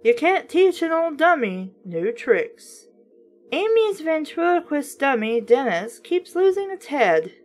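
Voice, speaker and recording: A woman with a fairly high, sing-song voice slowly reads a children's book aloud over some music. As host and reviewer she stays informal and chatty, adding wry, skeptical asides in a casual read-aloud with offhand commentary.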